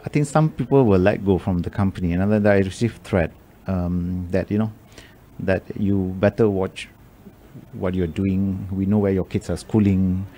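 Brief: middle-aged man from Malaysia, low voice, radio studio guest, thoughtful and halting. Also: dark tone. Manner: thoughtful, halting with many restarts. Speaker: guest, media executive. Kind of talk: radio interview. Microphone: studio microphone on boom.

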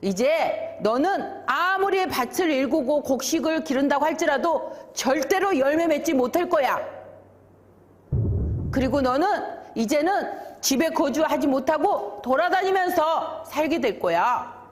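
Woman doing God, stern, scolding, firm, a little high, reverberant hall. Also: expressive, unhurried. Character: stern but loving God speaking to a man.

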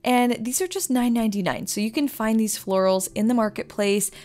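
A young adult interior designer with a slightly high, darkish voice narrates home decor finds in a brisk shopping voice-over. Her product commentary is upbeat and enthusiastic.

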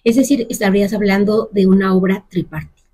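A woman's voice: medium pitch, fairly even intonation, brisk, dark tone, slightly rough. A woman with a Mexican accent, a radio co-host chatting casually and wrapping up a segment. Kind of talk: casual show chat.

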